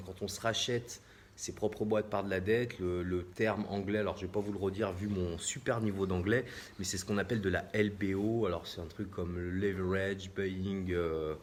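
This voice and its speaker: A man's voice: on the low side, a little hiss or hum. A man with a French accent explaining property investing on a casual live stream, with frequent hesitations and restarts. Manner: hesitant, many fillers and restarts. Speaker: real estate investor hosting a live stream.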